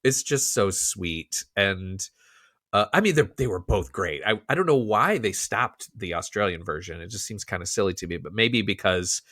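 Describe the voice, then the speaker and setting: A man co-hosting a podcast in casual chat, talking with animated, profane rants. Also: low-pitched, normal speed, dry recording, studio quality. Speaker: podcast co-host.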